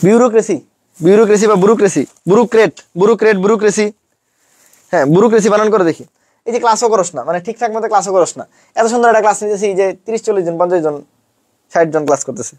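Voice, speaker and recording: Young male tutor, rapid colloquial delivery, chants memory rhymes and teases the class. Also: sits high, darkish tone. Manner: chanting mnemonics; colloquial teasing. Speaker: teacher. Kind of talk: online lesson.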